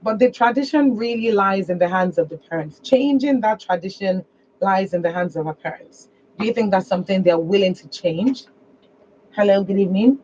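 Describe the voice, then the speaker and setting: A woman's voice: mid-range voice, darkish tone. A woman with a Nigerian accent hosting a conversational phone-in advice show on the radio. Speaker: radio call-in show host. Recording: dull lo-fi broadcast with noise.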